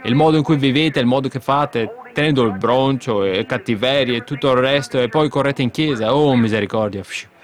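A man's voice: medium pitch, brisk, few pauses. Fervent male preacher. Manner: fervent preaching with sudden emphatic outbursts and hushed asides. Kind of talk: sermon.

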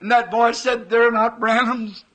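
A man's voice: very high voice, little pitch movement, slow pace, pushed and bright, rough recording. A man preaching a sermon, fervently recounting a vision in folksy, plain-spoken grammar.

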